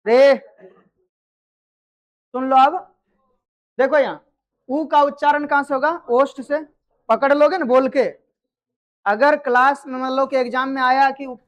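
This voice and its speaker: A woman's voice: high-pitched, lo-fi sound. A woman teaching a grammar class, quizzing students and checking that they follow. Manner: quizzes students, repeats answers, checks understanding. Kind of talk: live classroom lesson.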